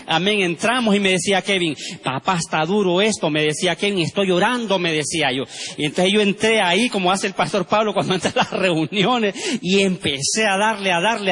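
Fervent high bright-voiced man pastor. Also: husky. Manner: fervent, repeating phrases, frequent amens. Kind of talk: church testimony. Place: church service.

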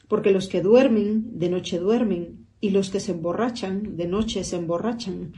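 A female pastor reading scripture aloud at a steady, measured pace. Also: mid-range voice.

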